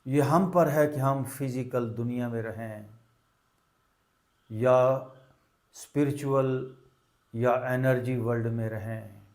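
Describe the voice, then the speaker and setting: Leading a guided meditation, this man speaks in a medium pitch with slow, careful delivery. He offers brief, calming phrases and lets long silences fall between each instruction for his students to follow.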